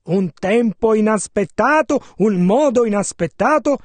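A man voicing a translation of a sermon in measured, steady phrases. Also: sits high, no echo. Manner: steady, measured rendering of each passage. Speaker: sermon interpreter.

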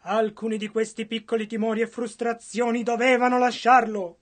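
A man's voice: very high voice, flat delivery, moderate pace. A man interpreting a sermon line by line, earnest and matching the preacher's fervor.

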